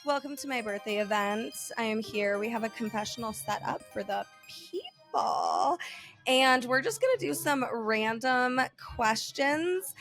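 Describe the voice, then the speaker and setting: A woman's voice: a little high, a little slow, over loud music. A woman hosting a party podcast, chatting casually in a sassy, brash, slangy and sweary way. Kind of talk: casual chat to listeners.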